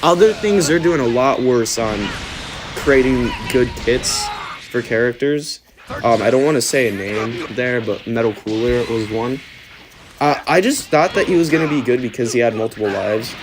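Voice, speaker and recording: A man's voice: mid-range voice, expressive, moderate pace, background noise. A man livestreaming a video game with casual, slangy frat-bro commentary. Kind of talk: casual live gaming commentary.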